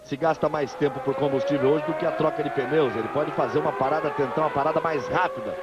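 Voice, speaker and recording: A man's voice: on the high side, steady tone, fast talker. A Brazilian man commentating live on a motor race, emphatic and repeating positions and phrases. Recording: dull, noisy old TV broadcast.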